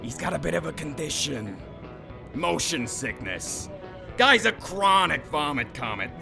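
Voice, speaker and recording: With music underneath, a man gives a full character voice as a wisecracking, folksy barkeep of a space-western saloon who doubles as a showy salesman. He drawls theatrically in a wry, gossipy mood, his creaky voice a little high, sing-song and measured in pace.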